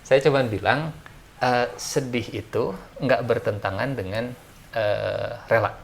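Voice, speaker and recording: A man's voice: mid-range voice, fairly even intonation, measured pace, vocal fry, a little hiss or hum. A man, an ustadz giving a casual religious talk, chatty and full of fillers. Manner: chatty, laughs often, many fillers. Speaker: ustadz speaker.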